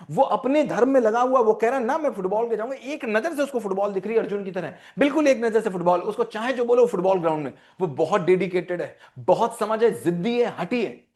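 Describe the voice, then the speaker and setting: High-voiced man coaching teens. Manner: animated, repeats lines for emphasis, mixes Hindi and English. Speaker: parenting mentor and life coach. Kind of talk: motivational talk to teens. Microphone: online session.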